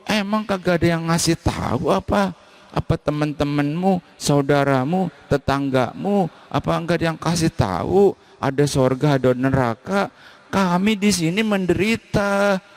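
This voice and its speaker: A man's voice: a little high, measured pace, pitched above the performer's own voice. A man voicing furious dead ancestors who scold with coarse street slang.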